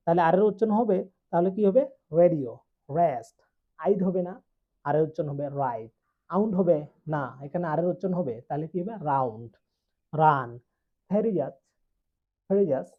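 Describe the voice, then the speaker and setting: A man gives an English pronunciation lesson for his channel. He drills word after word in a steady call-and-answer pattern. The sound is narrow and tinny, as if it came through a phone. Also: high voice. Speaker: English teacher.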